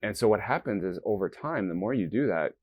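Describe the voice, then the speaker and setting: Interviewed about his company, the founder explains things earnestly and acts out the thoughts of nervous people as quoted self-talk. His lowish voice is expressive, brisk, and slightly rough, with no room sound.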